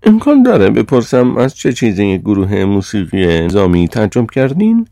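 A pompous official man, stern and quick to take offense, as a man puts him on while reading the story. His voice sits well above the reader's deep tone and comes out raised and clipped. The audiobook sound is dry and close. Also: huge pitch swings, warm tone, dry recording. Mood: indignant.

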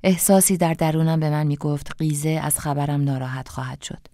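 Low-voiced woman narrating a story. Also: dark tone, no echo, studio quality. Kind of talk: first-person story narration.

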